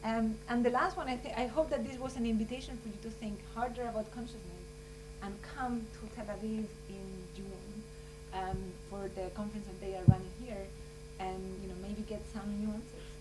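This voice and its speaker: A woman's voice: mid-range voice, steady tone, a little fast, few pauses, background noise. Earnest woman, distant mic. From Chile. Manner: earnest, rambling, full of "you know" and "like". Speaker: scientist speaking at a conference. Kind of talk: informal closing remarks at a conference. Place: conference room.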